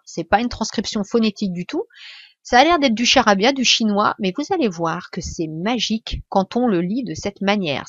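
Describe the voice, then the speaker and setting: A woman's voice: mid-range voice, dry recording. Patient woman teaching pronunciation, dull sound. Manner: patient and explanatory, with hesitant restarts. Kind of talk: video tutorial, explaining step by step.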